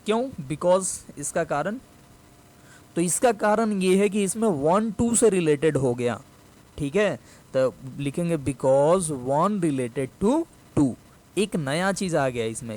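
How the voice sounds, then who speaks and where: Male maths teacher, high voice, patient step-by-step explainer who repeats key terms. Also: a little mellow. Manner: explains step by step, repeats key phrases slowly, asks and answers own questions. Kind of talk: classroom maths lesson.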